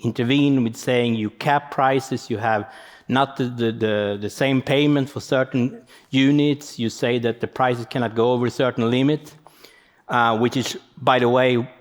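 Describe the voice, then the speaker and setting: Man presenting in a reverberant hall. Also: medium pitch. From Sweden. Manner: explanatory, thinking aloud. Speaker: conference speaker. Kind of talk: conference presentation. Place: conference venue hall.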